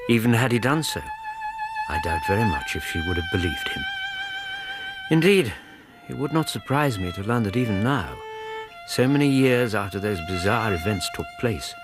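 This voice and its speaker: An actor playing a loyal, decent Victorian English doctor in a radio drama, earnest and gentlemanly in dialogue and narration. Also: male voice, fairly low pitch.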